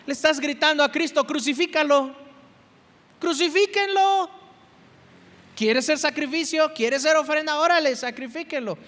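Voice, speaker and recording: A man with a Mexican Spanish accent preaching a sermon as pastor, swinging between loud exhortation and soft, intense passages. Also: very high voice. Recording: church hall with long reverb.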